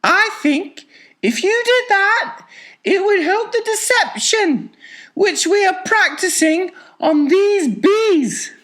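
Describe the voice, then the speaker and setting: A man voicing a slow, earnest, gentle little toy bear in a dramatized children's storybook. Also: extremely high pitch, expressive, pitched above the performer's own voice, full character voice. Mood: earnest, hopeful. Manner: slow, deliberate, ponderous delivery.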